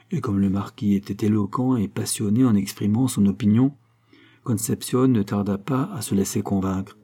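A man giving a measured, dramatic narration of a classic novel. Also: medium pitch, mellow, slightly rough. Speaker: audiobook narrator. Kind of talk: scripted narration.

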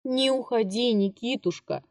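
A woman voicing a frightened, maudlin drunken old male comic actor of fifty-eight in a literary audiobook, muttering, shouting in terror and whimpering. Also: on the high side, expressive, slow, dry recording, studio quality. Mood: plaintive whimpering. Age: 58 (figure).

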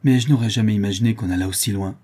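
Un homme lisant un livre audio fait parler un artisan bouleversé qui bredouille puis presse ses amis. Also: male voice, fairly low pitch, racing, warm tone, slightly rough. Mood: shaken. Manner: stammering, then urging on. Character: shaken, bitter male artisan friend.

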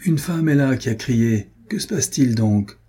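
A man's voice: mid-range voice, normal speed, warm tone, breathy edge, voice pushed up, close to an everyday voice. A man reading an audiobook, voicing a bold young male Huguenot swordsman who speaks politely and resolutely. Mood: courteous.

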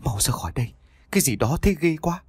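A frightened old man stammers out hurried words, his voice pushed up above the narrator's own, as a male narrator puts him on. It is an audio horror story, with a dry, close sound. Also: medium pitch, big pitch swings, slightly rough, no echo, pitched above the performer's own voice. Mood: terrified.

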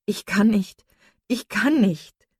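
A woman's voice: medium pitch, lively intonation, slow pace, darkish tone, husky, no room sound, studio quality, pitched above the performer's own voice, full character voice. A woman reading an audiobook and voicing a distraught young woman, pleading and desperate. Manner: desperate, pleading, sobbing outbursts.

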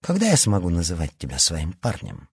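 A man voicing a vain, pushy teenage girl in an audiobook, speaking high and loud. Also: huge pitch swings, brisk, creaky, husky, dry recording, studio quality, exaggerated voice. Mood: demanding. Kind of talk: audiobook character voice.

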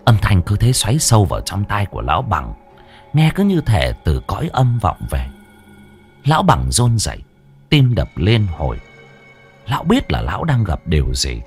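A man narrating a ghost story in an expressive, suspenseful way. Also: fairly low pitch, normal speed, faint music behind.

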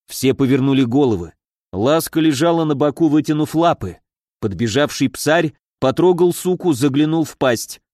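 A man's voice: a little high, moderate pace, no room sound. Dry-voiced male audiobook narrator. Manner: even storytelling.

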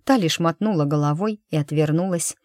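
A woman narrating an audiobook in an even, measured way. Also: deep voice, dry recording, clean studio sound.

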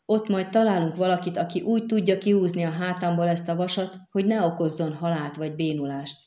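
A woman reading the part of a wounded young man, cool and teasing, in a quiet, low-key delivery. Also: fairly even intonation, lightly acted. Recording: echoey, dull lo-fi recording.

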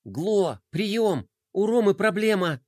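A man's voice: high voice, animated, slow, a little mellow, dry recording, studio quality, pitched above the performer's own voice. A man doing a cheerful, simple-hearted toy skater boy. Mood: whispering. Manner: eager, artless.

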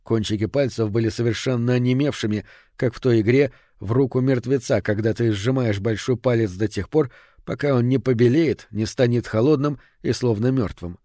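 An audiobook reader, a man with a mid-range voice, narrates in an even, measured manner. The recording is studio quality with no echo.

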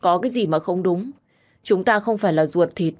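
A woman's voice: lowish voice, normal speed, darkish tone, close to an everyday voice. A woman voicing a drunk, tearful young woman who is stubborn and clingy, whining and pleading. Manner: whiny, insistent, pleading.

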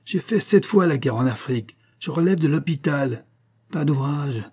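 A man voicing a hoarse, bitter vagabond soldier. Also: a little high, animated, normal speed, darkish tone, voice pushed up. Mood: exasperated. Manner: indignant, exasperated outburst.

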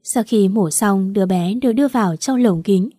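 A woman reads a story aloud at a steady, even pace. Her voice is dark and mellow, and the recording is dry and close with no room sound. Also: medium pitch, normal speed, no echo. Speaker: narrator. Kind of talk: audiobook story narration.

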